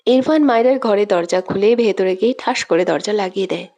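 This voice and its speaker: A woman's voice: medium pitch, a little fast. Woman narrating a dramatic romance. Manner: steady, dramatic storytelling. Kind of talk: audio story narration.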